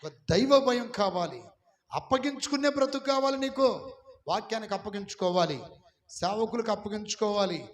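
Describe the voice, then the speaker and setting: Man preaching, high voice, call-and-response with the congregation, long hall reverb. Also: expressive, moderate pace. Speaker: pastor. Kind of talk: sermon. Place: church hall. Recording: echoey hall, some of it from far off.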